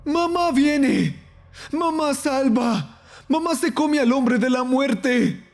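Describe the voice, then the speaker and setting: A man's voice: very high voice, animated, takes it slowly, pitched above the performer's own voice, full character voice. A man voicing small childlike creatures trapped in chests, crying frantically and over and over for their mother. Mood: frantic chanting. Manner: frantic repeated cries for mother.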